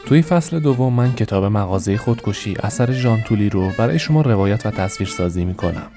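A man hosting a podcast and narrating an audiobook in a calm, measured storytelling manner. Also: fairly low pitch.

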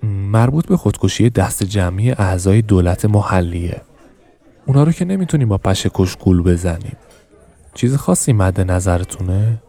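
A man reads an anxious male official from an audiobook. His speech is hesitant and his voice stays low and mellow. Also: lively intonation, gravelly, heavily acted. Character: nervous male government official. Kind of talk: audiobook reading.

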